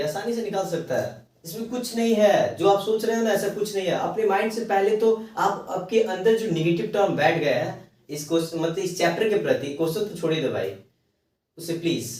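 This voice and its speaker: A man with a fairly high voice teaches a math lesson, talking through each sum step by step and reassuring his students. His carries through a very echoey room, heard from some distance from the mic. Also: animated, a little fast, darkish tone. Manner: reassuring, works sums aloud step by step.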